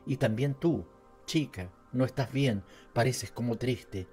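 A man's voice: medium pitch, a little slow, darkish tone, faint music behind, natural voice. A man with a Latin American Spanish accent voicing a troubled, plump middle-aged butcher who talks in an anxious, plaintive way. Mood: worried.

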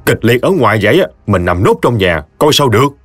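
A man voicing a gruff old village elder with a Mekong Delta Vietnamese accent, grumbling and scolding. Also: medium pitch, very animated, brisk, no room sound. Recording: dry close studio voice, soft music behind.

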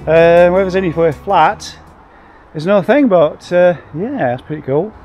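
A man's voice: high voice, animated, moderate pace, over music. A man in his forties talking casually to a camera on his bike as he rides outdoors on woodland trails. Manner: chatty, self-narrating while pedalling. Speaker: bikepacking vlogger. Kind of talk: casual ride commentary. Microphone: action camera on the bike.

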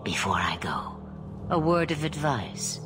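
An ancient, cryptic dragon witch in a fantasy game. She speaks very slowly and portentously, with a breathy edge and wide swings of pitch. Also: very animated, over music. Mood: solemn, cryptic. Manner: slow, deliberate, portentous. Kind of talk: video game voice acting.

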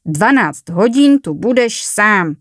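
A woman's voice: medium pitch, lively intonation, no echo, studio quality, voice pushed up, natural voice. A woman voicing a grumpy young male coworker in a hurry to leave, who speaks in a curt, dismissive way.

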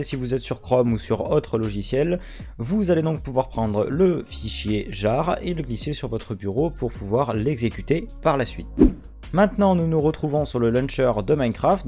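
A young man narrates a screen-recorded software tutorial, calmly explaining each step in turn. His voice is mellow and sits at an ordinary pitch. Soft music plays faintly behind him. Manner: steady step-by-step instructions. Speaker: tutorial host.

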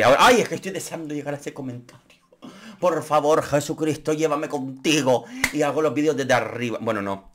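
A man's voice: mid-range voice, fairly bright tone. A young man from Spain with a Spanish accent, giving a camp, sarcastic running commentary on a reality show and breaking into shrieks and mock voices. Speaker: youtuber commentator.

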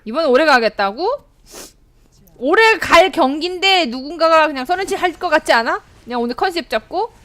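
A woman streaming a game, excitably commenting, yelping and chattering at her own play. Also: high-pitched, fairly quick, dry recording. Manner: excitable, yelps and chatters at the screen. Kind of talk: live gameplay commentary.

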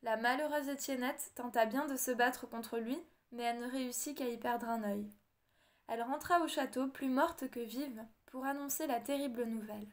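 A woman narrates a storybook audiobook in a measured, expressive read-aloud manner. Her voice sits high for a woman. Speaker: audiobook reader.

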